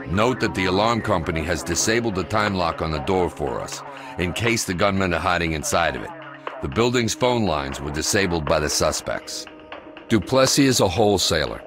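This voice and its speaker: Deep, grave American commander giving a briefing. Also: male voice. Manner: grave commanding briefing, measured and matter-of-fact. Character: grave, commanding male SWAT commander briefing his team. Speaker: police tactical commander. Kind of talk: scripted mission briefing for a video game.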